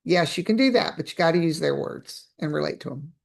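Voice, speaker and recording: A woman's voice: low voice, expressive, a little fast, vocal fry. A woman coach teaching a live online training, chatty, asking rhetorical questions and restarting her phrases. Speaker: business coach.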